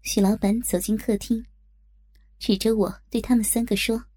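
Husky, dark-toned female storyteller. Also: on the high side, fairly even intonation, moderate pace. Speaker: narrator. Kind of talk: first-person erotic story narration.

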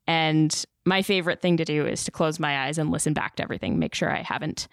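Woman guest on a podcast, smooth clear voice, bit low, super dry close mic. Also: fast, no room sound. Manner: relaxed, conversational, laughs lightly. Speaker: podcast producer, guest expert. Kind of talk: interview answers, casual explaining.

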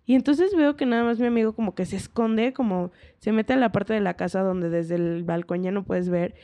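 A young woman with a Mexican accent chatting casually on a podcast with friends. Her voice is mellow and warm rather than bright. She tells anecdotes with animation, slipping into the voices of the people she describes. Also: medium pitch, fairly quick. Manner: animated storyteller who acts out quoted voices. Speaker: podcast co-host. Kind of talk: casual chat, storytelling.

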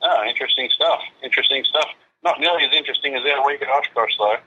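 A man's voice: mid-range voice, fast, bright, forceful tone, slight background noise. A tired man calling in by phone, heard over the phone speaker, chatting casually as a correspondent. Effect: phone speaker, heard over a call on speakerphone. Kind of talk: casual chat. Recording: tinny phone line on speakerphone.

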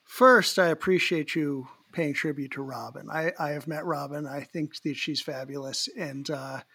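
A male interviewer who responds to his guest in a polite, measured and appreciative way. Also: a little high, vocal fry, sharp tone, husky. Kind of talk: interview talk.

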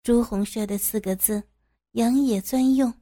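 Mellow-voiced woman narrating a story. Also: a little high, unhurried.

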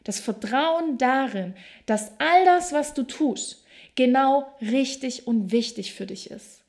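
A woman hosting a self-help podcast, talking straight to the listener in a reflective monologue, slow and emphatic in places. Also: sits high, expressive, darkish tone. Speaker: podcast host.

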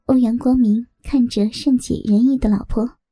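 A woman reading a story aloud as narrator in a soft, even voice. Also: on the high side, moderate pace, husky, dry recording, studio quality. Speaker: audiobook narrator.

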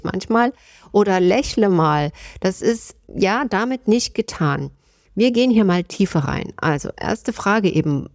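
A woman's voice: on the low side, a little mellow, dry recording, studio quality. A woman hosting a solo podcast, talking in a thoughtful, conversational way with many small fillers and speech. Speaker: podcast host.

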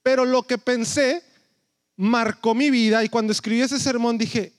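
A man's voice: very high-pitched, fairly even intonation, moderate pace, dry recording, clean studio sound. A man, a pastor preaching a sermon in a conversational storytelling way that keeps checking in with his listeners.

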